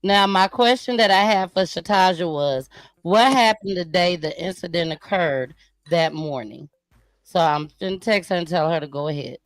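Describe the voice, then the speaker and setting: A woman's voice: lowish voice, moderate pace, dry recording. Direct woman interview host.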